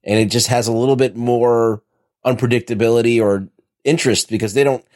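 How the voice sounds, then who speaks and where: A man's voice: mid-range voice, steady tone, fairly quick, darkish tone. Laid-back rambling American man. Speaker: podcast co-host. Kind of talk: casual chat.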